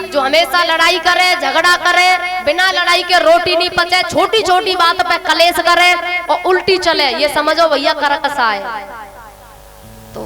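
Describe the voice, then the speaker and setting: A woman preacher giving a devotional sermon, telling a parable and speaking directly to her listeners with teasing asides. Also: high voice.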